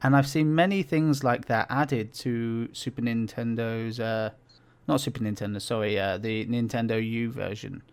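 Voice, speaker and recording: A man's voice: mid-range voice, steady tone, normal speed, clear, resonant tone. A man chatting casually over an online call, rambling and correcting himself while his audio glitches and turns robotic. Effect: glitchy robotic call audio dropping out. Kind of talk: casual chat.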